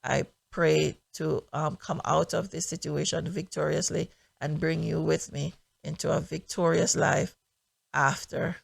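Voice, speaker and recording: A middle-aged woman from Jamaica, hosting a faith podcast and sharing her personal testimony in an earnest, reflective way with many pauses. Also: deep voice, fairly even intonation, creaky, slightly rough, no echo. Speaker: podcast host and minister.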